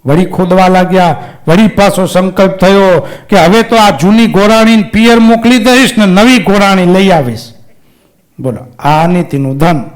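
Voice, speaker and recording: Man, devotional storyteller, temple sermon, lively narration, acts out characters, high voice. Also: moderate pace. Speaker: katha storyteller.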